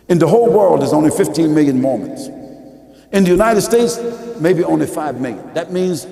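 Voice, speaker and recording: A man's voice: high-pitched, creaky. Emphatic man preaching in an echoey hall. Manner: emphatic, rhetorical questions to the audience; swings from quiet to shouting. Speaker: Islamic preacher. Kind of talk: mosque lecture. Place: large Islamic center hall. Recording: echoey hall from some distance.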